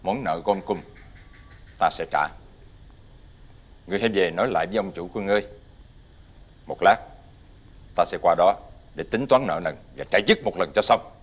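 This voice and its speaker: An older actor playing a righteous, wealthy old gentleman who speaks with stern, dignified authority. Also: low voice, moderate pace, pauses often. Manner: dignified, stern, lecturing, uses archaic "ta/ngươi".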